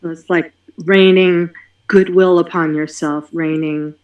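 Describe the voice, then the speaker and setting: A man in a group discussion, speaking in a slow, reflective way and dwelling on repeated words. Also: on the high side, flat delivery, muffled recording. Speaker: discussion participant.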